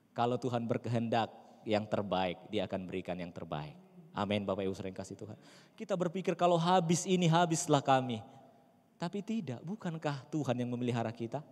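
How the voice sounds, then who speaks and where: A young man from Sumatra, preaching a sermon. He swings between loud, high exclamations and quiet, low asides, and keeps repeating the same address to the congregation. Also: big-room sound. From North Sumatra, Indonesia. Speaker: pastor. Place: church sanctuary.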